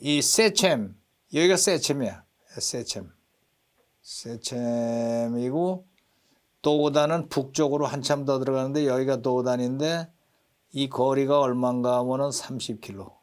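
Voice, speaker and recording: A middle-aged man teaching an English lesson, slowly repeating English phrases and marking their stress. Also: mid-range voice.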